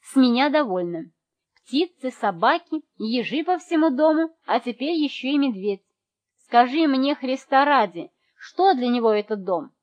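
Reader voicing an exasperated, hoarse young man; muffled recording. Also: sits high, expressive, moderate pace. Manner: hoarse, fuming. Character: exasperated irritable older brother Larry.

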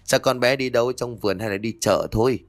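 Man doing a mom of a rich house, gentle scolding, storybook ghost tale. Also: mid-range voice, fairly quick, dry recording, clean studio sound, natural voice. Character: mother, lady of a wealthy house.

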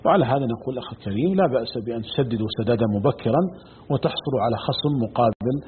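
A man's voice: medium pitch, very fast. A man answering religious questions on a radio show, explaining carefully and adding caveats. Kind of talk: giving religious rulings on air. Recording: phone-like lo-fi broadcast with clear noise.

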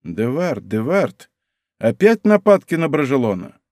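Audiobook role: man reading a lovesick young count, uneasy and quiet, dry sound. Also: medium pitch, sing-song, a little slow, no room sound. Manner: anxious, hushed speech.

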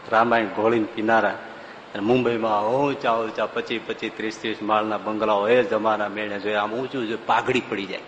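Man, animated storyteller in echoey hall. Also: fairly low pitch, lo-fi sound, slight background noise. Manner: animated storytelling, breaking into sung devotional verses. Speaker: spiritual discourse speaker. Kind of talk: devotional discourse with storytelling. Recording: echoey hall with faint ambience.

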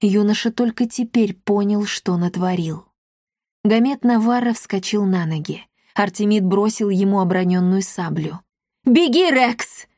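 A woman's voice: mid-range voice, normal speed, dry recording, clean studio sound. Dramatic woman audiobook narrator. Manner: lively, dramatic storytelling. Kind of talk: expressive audiobook reading.

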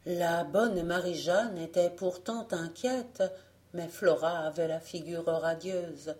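A woman reading a fairy tale aloud as an audiobook narrator, in a measured storytelling manner. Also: on the low side, fairly even intonation, dark tone. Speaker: audiobook reader.

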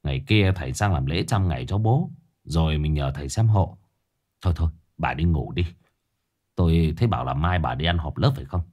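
A man voicing a gruff middle-aged village husband in a ghost story, blunt and scolding. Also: a bass voice, lively intonation, a little fast, darkish tone, pitched below the performer's own voice. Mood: soothing.

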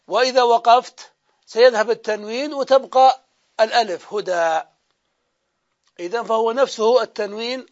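A man with a high voice teaching a grammar lesson, working through each point by asking a question and answering it himself. He stretches out the example words as he repeats them. The recording is dull and lo-fi. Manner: explains step by step, asks and answers his own questions; drawn-out repetition of example words. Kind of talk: classroom grammar lecture.

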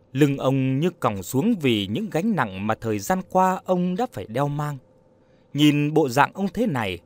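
A man narrating an audio story in a steady, expressive storytelling manner. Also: medium pitch.

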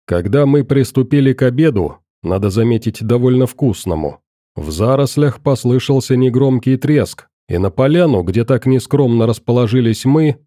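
Male audiobook narrator, very dark tone, steady read, dry booth sound. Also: mid-range voice, no room sound. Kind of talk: scripted narration.

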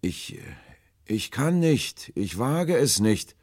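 A man's voice: low-pitched, a little mellow, husky, no echo, clean studio sound. A man voicing a frightened, starving old man who speaks in a hesitant, hopeless way in an audiobook. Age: older. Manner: hesitant, halting, sorrowful and hopeless. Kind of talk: audiobook character voice.

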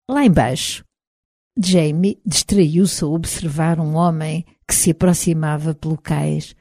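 A woman with a European Portuguese accent narrating an audiobook in the first person, in a measured, expressive reading. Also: deep voice, no echo, clean studio sound.

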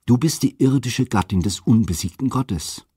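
A man reading aloud and voicing a serene goddess of love in a soothing, measured way. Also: mid-range voice, lively intonation, warm tone, slightly rough, dry recording, clean studio sound, voice pushed up.

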